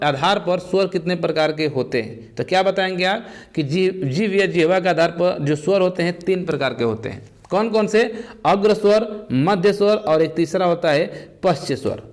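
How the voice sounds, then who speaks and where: A man's voice: sits high, normal speed. A man teaching an exam-prep lesson, who asks the class questions and answers them himself, repeating the key terms step by step.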